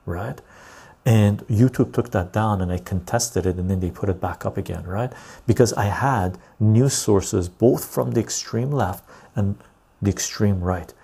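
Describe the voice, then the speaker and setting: Guy in his 50s reading chat on his stream, low husky voice, keeps saying right?. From Canada, born in Iran. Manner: rambling, frequent "right?" tags, soft murmured asides. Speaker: livestream host. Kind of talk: casual livestream chat, reading viewer comments.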